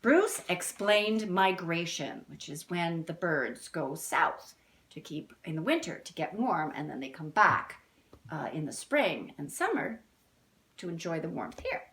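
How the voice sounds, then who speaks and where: Her voice sits on the low side, sing-song and a bit bright, and she reads at a measured pace. She's sharing a picture book with young children, pausing to explain things plainly and ask them questions.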